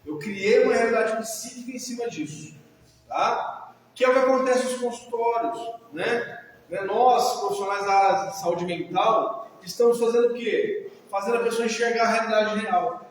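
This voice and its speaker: A man with a Brazilian accent, a mental health professional, giving a didactic talk and often checking in with his audience through quick tag questions. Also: high voice, a little hiss or hum. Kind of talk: lecture to an audience. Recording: echoey hall, distant mic.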